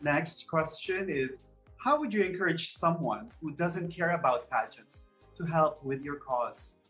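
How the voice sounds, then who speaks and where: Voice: mid-range voice, animated, unhurried, a bit bright, soft background music. An interviewer putting formal, scripted questions to pageant contestants.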